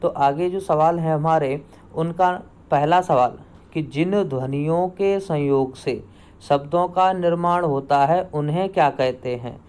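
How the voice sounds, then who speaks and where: A man's voice: fairly high pitch, measured pace, darkish tone, smooth. A man teaching a Hindi grammar lesson for exam preparation, asking each question and then answering and repeating it himself. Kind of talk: online exam-prep lesson.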